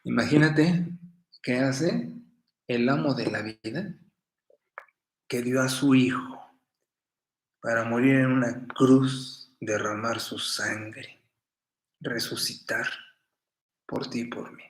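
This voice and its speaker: A middle-aged man with a Mexican accent preaching a sermon in a folksy, storytelling way, with sudden bursts of loud emphasis. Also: mid-range voice, slow, pauses often, slight background noise. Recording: roomy echo.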